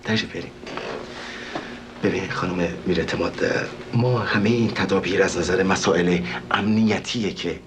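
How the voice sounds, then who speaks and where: A man's voice: sits low, fairly even intonation, noisy background, natural voice. An actor playing a flustered, overly polite male organizer in a stage comedy, talking formally and stammering as he tries to placate a visitor. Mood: placating.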